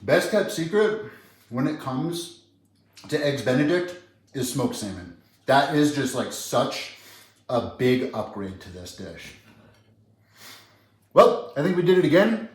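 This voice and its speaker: Full of enthusiasm, a cooking channel host chats his way through a casual tutorial, frequently starting his sentences over. He has a mid-range voice, recorded with a roomy sound.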